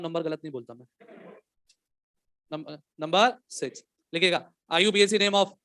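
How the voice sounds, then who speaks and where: A man lectures a chemistry class in a crisp, resonant voice. He pitches it high and keeps firing questions at the students. The sound is dry and close. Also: dry recording. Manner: lively, calls out questions to students and dictates slowly. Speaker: chemistry teacher.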